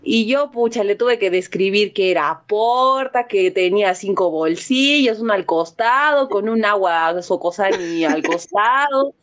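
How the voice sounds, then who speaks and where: A young woman tells a story among friends, mid-pitched and lively. She jumps high when she acts out the other voices. The recording sounds dull and lo-fi. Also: unhurried, few pauses. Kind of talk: casual storytelling.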